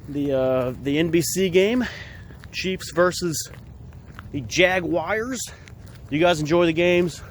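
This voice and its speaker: A man with a hoarse voice from a cold rambles outdoors at an empty field in winter, pitched fairly high, with slight background noise. He's a vlogger giving football picks in a casual outdoor chat, halting often and leaning on many fillers.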